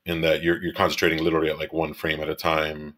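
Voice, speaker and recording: A man's voice: rumbling low, completely flat delivery, quick pace, fairly bright tone. A man in his thirties from Miami, a commercial photographer and director, talking casually as an interview guest, rambling with many fillers and restarts and laughing easily. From Miami, United States.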